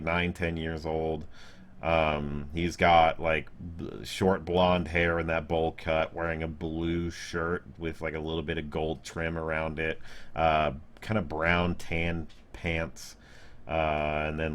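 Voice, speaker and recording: Low-voiced rambling game master. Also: male voice, a bit bright. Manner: rambling, full of fillers and restarts. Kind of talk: narrating a tabletop game.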